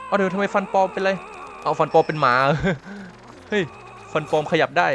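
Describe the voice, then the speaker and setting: A man giving excitable let's-play commentary, reacting with quick exclamations and repeating his words. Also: on the high side. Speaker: gameplay commentator.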